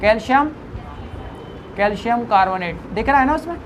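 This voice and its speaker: Woman teacher in a classroom, kinda high voice, keeps asking the class to repeat stuff, teases them a bit. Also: expressive, moderate pace, slight background noise. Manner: repeats questions to the class, call-and-response drilling; informal, teasing with students. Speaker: biology teacher. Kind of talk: classroom lecture. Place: classroom with students.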